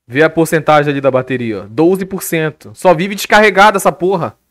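A man's voice: fairly high pitch, a little fast, fairly bright tone, no room sound, studio quality. A young Brazilian man on a live stream telling a story in a casual rant, swearing constantly and talking animatedly into a headset. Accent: Brazilian Portuguese.

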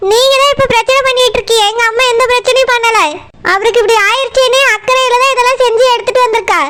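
A woman's voice: extremely high pitch, steady tone, quick pace, pushed and bright. A woman voicing a defiant young village daughter-in-law in a cartoon, arguing back with a Tirunelveli Tamil accent. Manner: defiant, argumentative. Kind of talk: cartoon dialogue.

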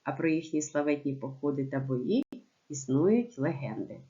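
Measured woman teacher, lowish voice. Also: expressive, mellow, dull audio. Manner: clear, measured teacher instructions. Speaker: primary school teacher. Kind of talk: remote lesson narration.

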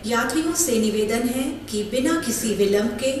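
A woman making a formal, measured airport announcement over a public address system. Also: on the high side. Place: large airport departure hall, heard over loudspeakers. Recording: echoey airport PA from far off, hiss.

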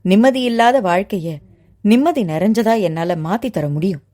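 A woman narrator voicing a composed grown man who speaks in a steady, unhurried, measured way. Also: mid-range voice, close to an everyday voice. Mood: calm. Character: calm, composed grown man asking to be guardian.

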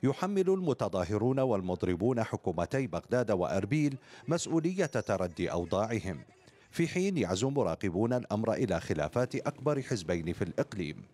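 A man's voice: fairly low pitch, very animated, fast, darkish tone. A middle-aged man narrating a scripted television news report.

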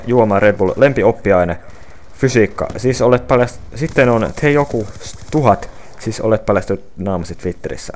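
Young male gaming creator, halting casual delivery, mid pitch. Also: a little mellow. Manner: hesitant, many fillers and restarts. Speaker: gaming channel creator answering viewer questions. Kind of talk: casual Q&A reading questions aloud. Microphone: reading from a phone.

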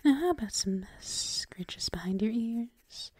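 Her voice is husky and on the high side, animated yet slow-paced, as a woman performs intimate ASMR roleplay as a gentle, teasing, doting dominant girlfriend. She often whispers close to the microphone in a soothing, affectionate murmur, recorded dry.

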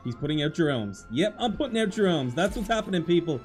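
A man giving excited, dramatic, self-mocking commentary while playing a video game. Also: a little high, quick pace, faint music behind. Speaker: gaming YouTuber.

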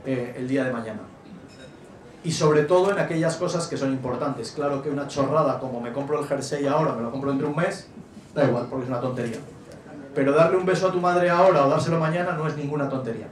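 A middle-aged man, telling stories as an author guest in a relaxed, jokey way and acting out quotes. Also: fairly high pitch, fast talker. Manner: animated, jokey, acts out quotes. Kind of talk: relaxed storytelling talk. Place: event hall before an audience. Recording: echoey venue, distant mic, faint noise.

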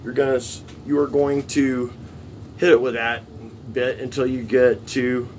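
In a mid-range, darkish voice with a level tone and measured pace, a middle-aged DIY presenter walks through building a tool by hand. He keeps it casual and plainspoken, repeating himself, inside a small cluttered workshop. Recorded by a camera a few steps away, the sound is distant with a humming workshop behind it.

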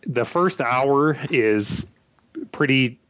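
A man hosting a casual podcast chat, rambling and halting with lots of fillers and restarts. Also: medium pitch, expressive, a bit bright, dry recording. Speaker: podcast host.

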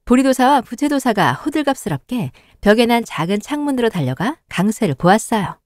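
Woman narrator for cartoon folk tales, steady and gentle. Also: on the high side, fairly quick, no echo, studio quality. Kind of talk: storybook narration.

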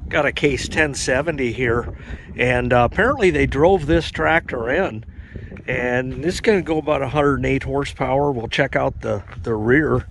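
Here a man with a mid-range, vocal-fried voice talks at a moderate speed over a noisy background. He's a farm equipment vlogger holding a camera as he rambles casually through a snowy equipment auction lot outdoors, relaxed and leaning on fillers.

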